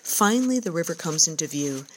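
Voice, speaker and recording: A woman narrating her own outdoor journal in a calm, descriptive, reflective first-person way. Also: deep voice, brisk, slight background noise, poor audio.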